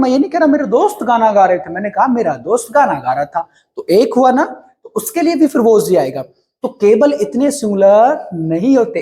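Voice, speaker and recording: Lively man teaching grammar. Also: high-pitched. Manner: asks questions and answers them himself; informal, addresses viewers as brother. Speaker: English teacher. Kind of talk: grammar lesson for learners.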